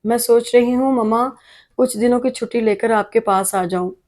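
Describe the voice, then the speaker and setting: A quiet, guarded young woman doctor who keeps her answers short and restrained, as a woman narrator voices her. Her voice is fairly high, with a soft, mellow tone. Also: normal speed, natural voice.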